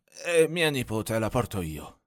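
A man reading a storybook and voicing a kind grandfather who speaks in a calm, caring way. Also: on the low side, slow pace.

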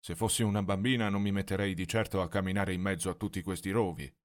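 A man's voice: sits low, fairly even intonation, fast, lightly acted. A man reading a storybook and voicing a big, burly woodsman who talks as if he knows everything, in a blunt, self-assured way.

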